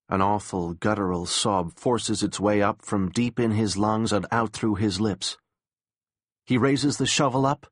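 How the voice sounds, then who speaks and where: A man narrating an audiobook in a measured, somber manner. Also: on the low side, no echo, clean studio sound. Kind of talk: scripted narration.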